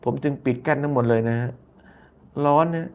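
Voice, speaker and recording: A man's voice: a little high, steady tone, normal speed, narrow, tinny audio, slight background noise. A man hosting a casual live-stream commentary, reading viewer comments aloud, often repeating phrases and tagging lines with polite particles. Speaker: YouTube channel host.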